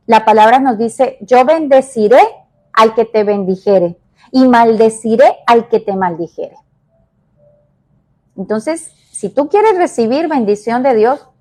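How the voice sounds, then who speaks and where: Woman preacher doing a devotional, kinda high voice, repeats stuff for emphasis, goes soft then loud. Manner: emphatic, repeats key phrases, shifts between soft and raised delivery. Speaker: evangelist. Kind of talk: devotional sermon.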